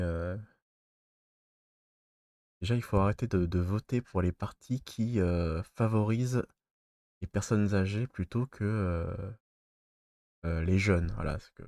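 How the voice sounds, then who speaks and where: A man with a congested, stuffy nose talking through a face mask, alternating between reading news and casual, halting commentary. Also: low-pitched, creaky, dark tone, no echo, studio quality. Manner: hesitant, halting when off script. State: sick with a blocked nose. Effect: speaking through a face mask.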